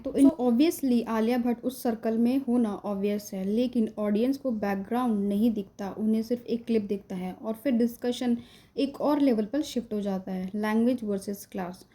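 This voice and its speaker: Female gossip host: scripted, dramatic build-ups, mixes English into Hindi, addresses fans directly; a higher voice with a mellow, warm tone. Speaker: entertainment gossip channel host. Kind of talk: scripted celebrity gossip narration.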